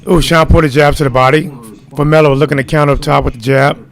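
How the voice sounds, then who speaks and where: A man's voice: a little high, flat delivery, fast. A man giving informal live play-by-play of a boxing match, chatting to viewers as he goes. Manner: informal, addressing viewers as guys. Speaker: fight watch-along commentator. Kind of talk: casual live play-by-play commentary.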